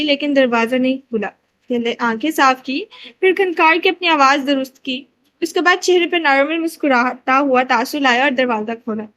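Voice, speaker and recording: Woman, audiobook narrator, high voice, expressive storytelling, reading a novel. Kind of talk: reading an Urdu romance novel aloud.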